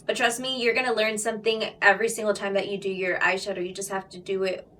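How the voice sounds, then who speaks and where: A woman's voice: medium pitch, flat delivery, fast, a bit bright, far from the mic, a little hiss or hum. A woman beauty vlogger chatting casually and directly to her viewers about makeup. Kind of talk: casual makeup vlog talk.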